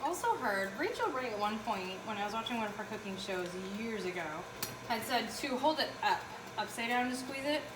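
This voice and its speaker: A woman with a fairly high voice hosts a casual cooking demonstration in a chatty, emphatic way. She is recorded at some distance from the mic in a roomy, echoing space, with clear background noise. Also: expressive, fairly quick. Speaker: home baking show host.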